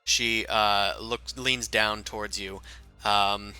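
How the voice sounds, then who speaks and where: A man narrating a tabletop game as game master, improvising in a casual, halting way. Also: lowish voice, fairly even intonation, bright, forceful tone, smooth, no room sound, soft background music.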